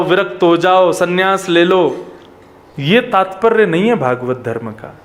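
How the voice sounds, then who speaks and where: A man with a high voice delivers a devotional sermon at an unhurried pace. He leans hard on key words, lifting some phrases up high and letting others sink low and quiet. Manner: slow, emphatic, wide swings between raised and dropped phrases. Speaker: preacher. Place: religious gathering at a pilgrimage site.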